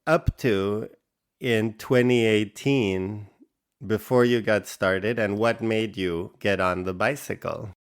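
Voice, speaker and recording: A man hosting a podcast, asking curious, measured interview questions. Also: fairly low pitch, fairly even intonation, clear, resonant tone. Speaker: podcast host.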